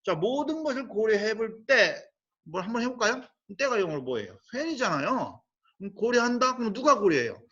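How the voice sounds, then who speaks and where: A male teacher walks through English grammar step by step, with a high voice that rises and falls in lively swings. He keeps asking rhetorical questions and then slows down to spell out English phrases carefully. The recording sounds dull and lo-fi.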